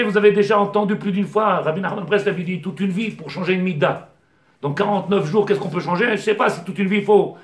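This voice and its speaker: A man, a rabbi, giving a Torah class to a small audience, digressive, firing rhetorical questions at the class and mixing in Hebrew terms. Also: high-pitched. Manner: mixes Hebrew terms into French. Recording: echoey room.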